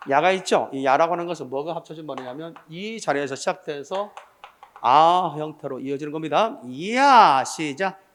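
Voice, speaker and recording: A man lecturing on Korean grammar for civil service exam students, quizzing the class with rhetorical questions and mixing formal and casual speech. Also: a little high. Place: lecture room with blackboard.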